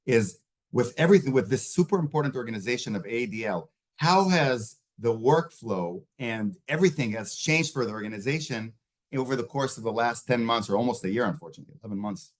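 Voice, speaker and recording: A man's voice: medium pitch, lively intonation, a little fast. A man moderating a panel, asking long, rambling questions. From Israel. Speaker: host, moderator.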